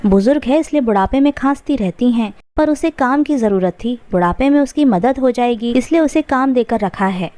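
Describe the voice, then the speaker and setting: A woman's voice: on the high side, expressive, normal speed, hardly any pauses, mellow, no echo, natural voice. A woman voicing a scornful, bossy middle-aged daughter-in-law in a narrated story. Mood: evasive. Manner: bossy, scolding.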